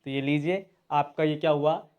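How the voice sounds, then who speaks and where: Hindi accent guy teaching english, fairly high voice, keeps quizzing then answering himself. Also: fairly even intonation, moderate pace, smooth, dull audio. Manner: repeats questions to students and answers them himself. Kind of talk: spoken English lesson in Hindi.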